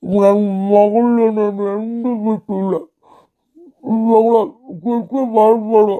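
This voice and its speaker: A woman's voice: mid-range voice, slow pace, close to an everyday voice. A woman voicing a bride's parent in a cartoon, with a North Karnataka Kannada accent, speaking plainly. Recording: tinny phone-like audio.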